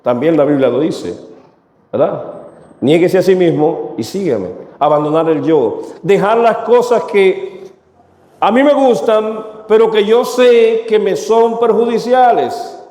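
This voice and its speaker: High-voiced preacher in an echoey hall. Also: male voice, lively intonation, takes it slowly, dark tone. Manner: rhetorical questions to the congregation. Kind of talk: sermon. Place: church.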